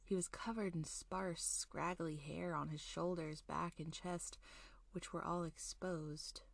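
A woman narrating a scripted spooky folktale as a storyteller, in a folksy, unhurried manner. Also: on the low side, steady tone, gravelly, no echo. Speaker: storyteller, show host.

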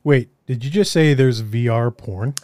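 A man hosts a casual interview, speaking hesitantly and hedging often with "I mean". His voice has a middle pitch and sounds dry and close, with no room echo. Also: measured pace, warm tone. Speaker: podcast host interviewer.

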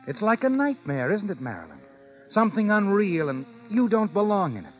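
In dull audio over dramatic music, a man with a high, wildly swooping voice speaks briskly as an ominous 1940s radio suspense narrator. He needles a guilty woman, addressing the listener in the second person with pointed, insinuating questions.

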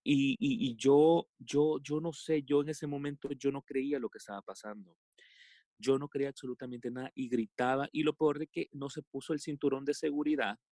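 Halting Salvadoran man, dry close sound. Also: mid-range voice, steady tone, dark tone, no echo. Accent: Salvadoran Spanish. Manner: halting, full of fillers and restarts. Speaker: podcast guest. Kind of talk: personal storytelling in a podcast conversation.

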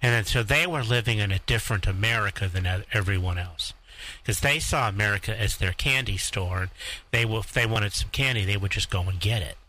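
A male co-host with a low voice and a bright, forceful edge builds his point in a conversational way. He paraphrases others as he leads into a question. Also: brisk, rough recording. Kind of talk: conversational interview.

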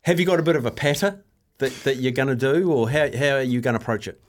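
A man's voice: mid-range voice, fast talker. Chummy New man hosting radio. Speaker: radio host, interviewer. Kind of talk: casual sports radio interview.

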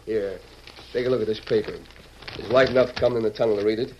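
An actor playing a scheming, bossy outlaw boss who taunts in folksy western slang, in old-time radio style. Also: male voice, fairly low pitch, fairly even intonation, fast talker, warm tone, natural voice. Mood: smug threatening. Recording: dull, hissy old radio recording with clicks.

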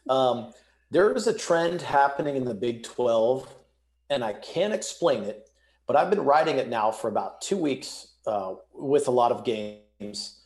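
A man's voice: mid-range voice, a little slow. A young man, a podcast guest, talking casually about sports betting from a bare empty room that makes his voice echo. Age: young adult. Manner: relaxed, chatty, some restarts.

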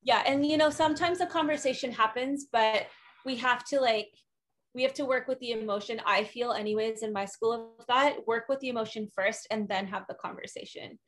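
A woman's voice: fairly high pitch, fairly quick, a bit bright. Earnest woman explaining wellness tools. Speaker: guest, emotional wellness coach. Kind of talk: conversational podcast interview.

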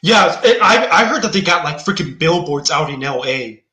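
A man's voice: fairly high pitch, lively intonation, moderate pace, sharp tone. A man hosting a casual chat about award predictions, thoughtful and hedging with frequent restarts. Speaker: podcast host. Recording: echoey room.

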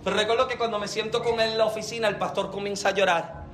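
A man's voice: high voice, fast talker, echoey room, faint music behind. A man preaching a sermon, telling a personal story and calling out to the congregation. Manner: animated storytelling, often calls out to the congregation.

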